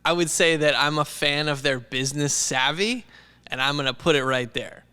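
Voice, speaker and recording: Guy cohosting a podcast, crisp clear voice, big echoey hall sound, casual and reflective. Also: a little high, normal speed, pushed and bright. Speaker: podcast co-host; video editor. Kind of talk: casual chat. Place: indoors.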